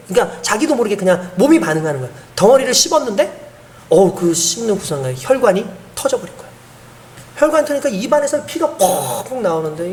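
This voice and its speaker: A male pastor delivering a sermon with a very lively, rising and falling voice. He drops to a hush and then builds to emphatic points. Faint noise sits under the recording. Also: high-pitched. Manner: storytelling sermon, swinging from hushed to emphatic.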